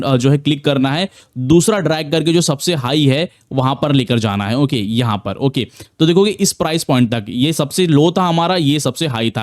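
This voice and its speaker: A man's voice: fairly high pitch, a little mellow, no echo, clean studio sound. A man giving a casual, repetitive screen-share trading tutorial, full of fillers and restarts. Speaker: trading educator.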